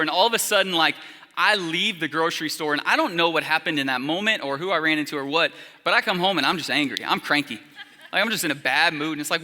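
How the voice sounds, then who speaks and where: A young man preaching to his church in a relaxed, storytelling way, leaning on filler words. His voice sits high and sounds very bright. The sound carries a long reverb from the church hall. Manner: casual storytelling, many fillers. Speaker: college pastor. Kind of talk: sermon. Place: church auditorium.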